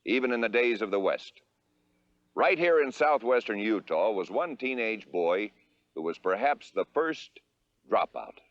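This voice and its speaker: A man with an American accent giving a scripted introduction as host of a western series. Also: on the low side. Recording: muffled old TV soundtrack.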